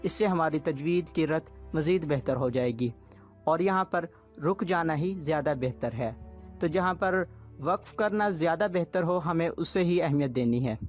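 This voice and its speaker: A man's voice: fairly high pitch, normal speed, faint music behind. A man teaching Quran recitation rules step by step, patient and repetitive in his explaining.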